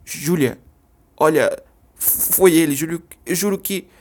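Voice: medium pitch, a little fast, a little mellow, close to an everyday voice. A storyteller playing a shaken young man who killed, stammering out pleading excuses. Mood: panicked.

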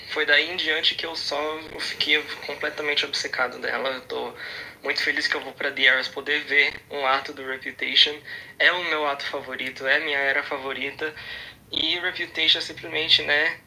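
A young man with a Brazilian accent recording a voice-message testimonial as a listener, excited and earnest. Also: mid-range voice, a little hiss or hum, low-quality recording. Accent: Brazilian Portuguese. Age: young adult.

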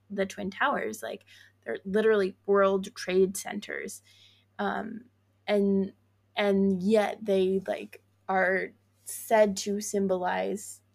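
A woman's voice: mid-range voice, gravelly, a little mellow. A woman co-hosting a podcast in casual chat, earnest and talkative, with frequent fillers and light laughs. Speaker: podcast co-host.

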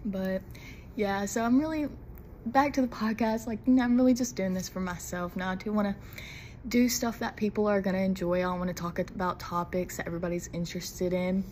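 A young Mississippi woman's medium-pitched voice, fairly even in intonation, slightly fast and darkish, comes with a little hiss or hum. Hosting her first solo podcast episode, she chats casually, rambling, nervous and giggly.

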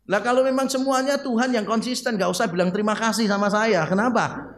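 A high-voiced male pastor delivering a sermon. He tells stories in a lively way, acts out bits of dialogue and laughs along, and keeps turning to the congregation as he speaks. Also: fast. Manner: animated storytelling with quoted dialogue and laughter; addresses listeners as "saudara".

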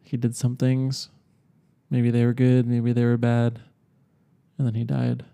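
Mellow, creaky man chatting. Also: mid-range voice, monotone, a little slow. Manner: rambling, hesitant, speculative. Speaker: podcast co-host. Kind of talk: casual chat.

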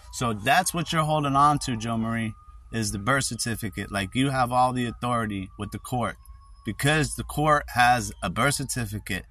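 A man's voice: mid-range voice, a bit bright. A man pleading with a case worker on a phone call, insistent and repeating her name. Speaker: father in a custody dispute.

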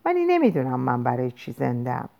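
A woman's voice: extremely low pitch, huge pitch swings, gravelly, warm tone, lo-fi sound, heavily acted. A woman voicing a melancholy, tender young man in a novel reading. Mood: wistful.

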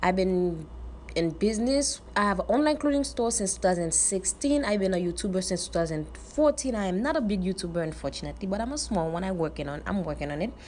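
A woman's voice: medium pitch, lively intonation, fast talker, a little mellow. A woman in her twenties hosting her own podcast, talking casually and chattily in loose grammar and repeating herself. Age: 20s. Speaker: podcast host. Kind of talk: casual solo monologue. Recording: noisy background.

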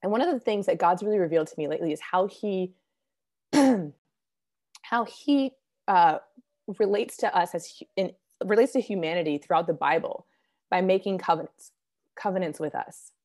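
A woman with a fairly low voice gives a devotional Bible teaching. She talks earnestly and casually, as if to friends. Her voice is a bit hoarse as it recovers, and she clears her throat now and then. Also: lively intonation, moderate pace, darkish tone.

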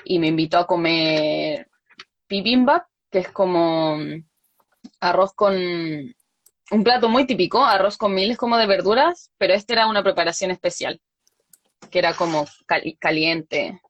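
A woman's voice: on the low side, a little slow, lo-fi sound. A young Chilean woman chatting casually, telling a story with laughs and acted-out quotes. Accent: Chilean Spanish. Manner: animated, laughs often, acts out quoted lines.

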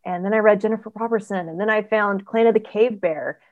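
A woman author chatting as a guest on a podcast interview, telling stories in an animated way with frequent ums. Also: medium pitch, dry recording, phone-quality sound. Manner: animated storyteller, quick asides, frequent ums. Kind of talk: casual interview chat.

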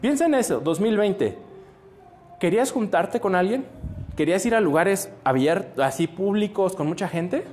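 A man's voice: high voice, animated, moderate pace, darkish tone, slight background noise. A man telling a Bible story to children in a playful, joking way and quizzing them as he goes. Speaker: children's preacher.

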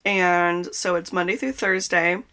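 Young woman podcast host, bright tone, loose chatty delivery with frequent laughs, recorded inside a closet. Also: lowish voice, fairly even intonation, measured pace. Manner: chatty and rambling, laughs often. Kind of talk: casual chat. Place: inside a small closet in a childhood bedroom.

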